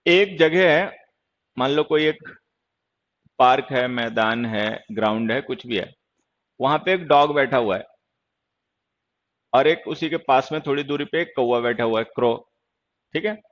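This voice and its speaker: A hoarse man teaching an online English grammar class, scolding and teasing his students playfully as he explains. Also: mid-range voice, measured pace, pauses often, fairly bright tone, dull audio. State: hoarse from shouting.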